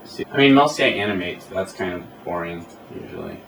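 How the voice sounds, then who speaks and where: A man with a fairly low voice chats casually about his work as an animator, drifting from one self-amused story to the next. He sounds a little distant from the mic in a reverberant room. A faint hiss sits under the recording. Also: animated, brisk, a bit bright. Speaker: animator interviewee. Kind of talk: casual interview chat.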